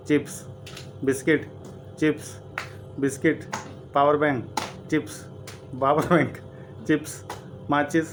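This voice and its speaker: A man's voice: fairly high pitch, slight background noise. A middle-aged man hosting a family challenge vlog, joking around and calling out words like a playful emcee. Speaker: vlog host.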